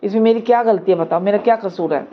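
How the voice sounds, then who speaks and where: Gentle elderly mother-in-law played by a woman, soft apologetic voice, muffled lo-fi sound, faint room noise. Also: medium pitch, quick pace, close to an everyday voice. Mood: meek apologetic. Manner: soft, apologetic, near tearful.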